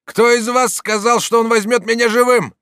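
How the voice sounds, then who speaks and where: Defiant wounded young nobleman, proud and shouting, voiced high and loud by a male narrator. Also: lively intonation, normal speed, no echo, clean studio sound, lightly acted.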